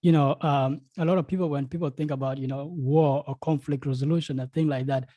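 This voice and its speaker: An earnest young man from South Sudan speaking as a panelist over a video call. His voice is mellow and sits a little high for a man. The sound is close and dry, and he leans on many fillers and repeated words. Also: steady tone, a little fast, no echo. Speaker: panelist, game studio founder. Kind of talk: panel discussion remarks.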